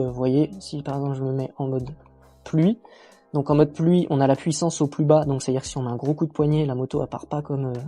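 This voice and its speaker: Male vlogger, casual walkthrough, mellow warm voice, easygoing and self-mocking. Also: a little high. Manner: relaxed, chatty, many fillers and self-mocking jokes. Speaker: motorcycle reviewer.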